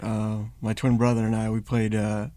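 A man's voice: lowish voice, monotone, normal speed, warm tone, no echo. A man chatting casually as a podcast guest, laid-back and full of fillers. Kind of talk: casual chat.

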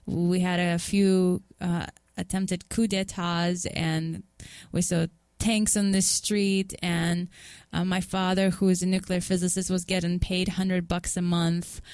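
A woman's voice: lowish voice, little pitch movement, slow pace, few pauses, a little mellow, clean tone, no room sound. A middle-aged woman from Russia, a guest singer, casually telling stories with fillers in a radio studio interview. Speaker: guest musician.

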